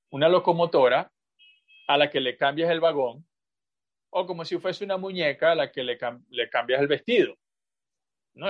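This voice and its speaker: Male teacher on a video call, a bit high-pitched, muffled sound, repeats himself patiently to guide students. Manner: explains patiently with examples and asides; drawn-out, repetitive phrasing with many fillers. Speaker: language teacher. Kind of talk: teaching an online class.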